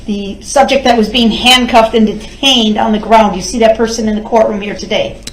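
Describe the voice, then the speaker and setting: A woman questioning a witness as a prosecutor in court, formal and deliberate. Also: a little high, steady tone, slight background noise. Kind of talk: courtroom examination. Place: indoors in a courtroom. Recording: echoey courtroom microphone.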